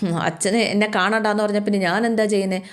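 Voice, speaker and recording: A woman voicing a stern, resentful middle-aged mother who scolds with sharp questions. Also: medium pitch, fairly even intonation, quick pace, close to an everyday voice.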